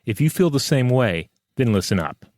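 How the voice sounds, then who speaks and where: A man co-hosts a podcast, talking conversationally into a close mic with no echo. His voice is mid-range and sing-song with a darkish tone, at a normal speed. He moves between casual chat, scripted ad reads, and listener mail.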